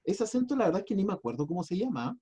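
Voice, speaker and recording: A man's voice: high voice, very animated, racing, mellow, slightly rough. A man, a pastor teaching a biblical Hebrew class in a patient, chatty, explanatory way. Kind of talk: online class lecture.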